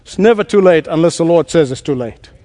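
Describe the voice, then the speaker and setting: A male preacher giving a sermon in an animated way, laughing often and quoting scripture. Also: fairly high pitch, a little fast, big-room sound.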